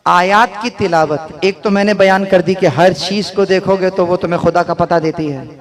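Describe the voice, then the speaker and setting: A man's voice: high-pitched, fairly even intonation, normal speed, crowd noise. A man with a Pakistani Urdu accent gives a religious sermon at a mourning gathering. He asks his listeners questions and acts out different ways of saying a phrase to make his point.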